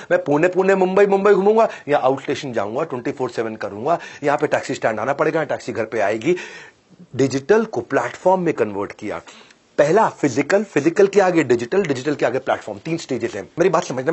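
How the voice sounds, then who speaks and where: A man giving a motivational business lecture, emphatic and repetitive, swinging from loud declarations to low, dropped phrases and often telling the listeners to listen. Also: slightly rough. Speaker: business coach.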